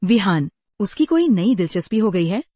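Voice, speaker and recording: Gossipy village aunty, scolds a lot, warm voice, dry. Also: female voice, mid-range voice, sing-song, normal speed, no echo. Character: nosy, hot-tempered village auntie. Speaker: village auntie. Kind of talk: dubbed drama acting.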